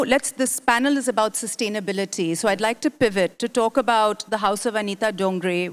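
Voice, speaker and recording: A woman moderating a stage panel, reading a measured, formal introduction and asking questions. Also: medium pitch, clean tone. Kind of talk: stage interview with scripted introduction.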